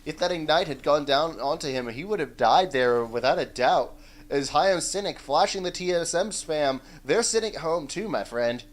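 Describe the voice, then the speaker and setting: Guy doing live esports play-by-play, kinda high voice, gets loud and hyped on big fights. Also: normal speed, few pauses. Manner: excitable, rises to shouts on big plays.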